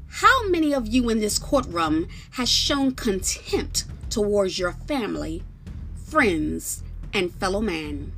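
A woman's voice: medium pitch, big pitch swings, slow, fairly bright tone, faint music behind, heavily acted. A woman voicing a solemn male judge on a throne, who speaks in a raised, proclaiming voice.

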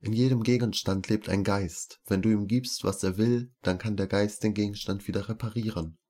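A man voicing a kind, mystical young female traveler, calm and gently questioning. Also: lowish voice, moderate pace, natural voice.

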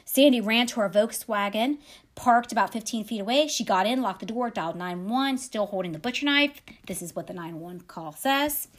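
A woman's voice: mid-range voice, normal speed. A woman podcast host retelling a true crime story with wry side comments. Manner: dramatic retelling with wry asides.

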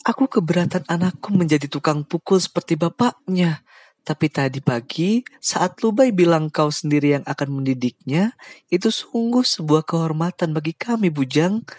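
A man voicing a warm, motherly older woman who speaks gently and grows emotional. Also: on the high side, lively intonation, normal speed, no echo, studio quality, voice pushed up. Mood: tearful grateful.

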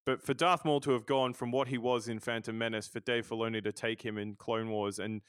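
A man's voice: medium pitch, fairly even intonation, a little fast, fairly bright tone, clear, resonant tone, no room sound, studio quality. Stammering man hosting a podcast. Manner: stammering, repeats words often. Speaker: podcast host. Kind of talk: casual interview chat.

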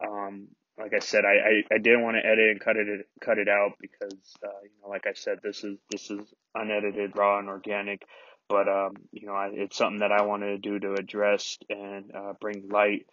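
A podcast host recording a halting solo apology inside a closet, full of "you know" fillers and restarts. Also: male voice, fairly low pitch, completely flat delivery, pushed and bright, dry recording, lo-fi sound.

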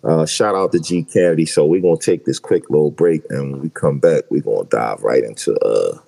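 A young adult man hosts a podcast and talks in a relaxed, slangy way, stressing his points hard. His voice is low and mellow. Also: brisk, creaky, husky, low-quality recording. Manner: laid-back, slangy, emphatic. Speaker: podcast host. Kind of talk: casual chat.

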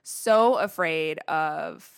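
A woman's voice: low-pitched, very slow, creaky, clear, resonant tone, no room sound, studio quality. A young woman, hosting a podcast and talking candidly about her fears, chatty, confessional and casual with swearing. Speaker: podcast host. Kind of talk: candid solo podcast talk.

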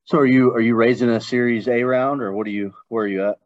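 A man's voice: medium pitch, fairly even intonation, fast talker, a little mellow. A man asking direct, probing business questions as someone sizing up an investment. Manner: direct, inquisitive. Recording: dull, lo-fi dry audio.

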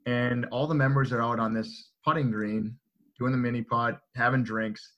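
A young adult man telling a story to friends in a casual, animated way, full of "like" and "right?". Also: mid-range voice, moderate pace, dull audio. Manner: animated, filler-heavy, checks in with "right?".

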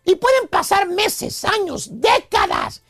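A man voicing an excitable male love professor who lectures in a theatrical, slangy radio comedy monologue. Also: extremely high pitch, slow, creaky, shouting, heavily acted. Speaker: radio comedy host character.

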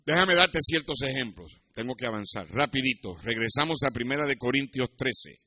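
A middle-aged man preaching a sermon in church, telling stories and rising into loud, emphatic passages. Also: medium pitch, lively intonation, moderate pace, dry recording. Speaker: pastor.

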